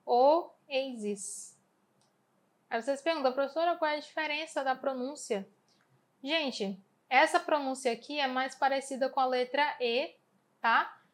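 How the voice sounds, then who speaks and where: A woman's voice: sits high, normal speed, a bit bright. A woman English teacher with a Brazilian Portuguese accent, explaining exam answers patiently and asking and answering her own questions.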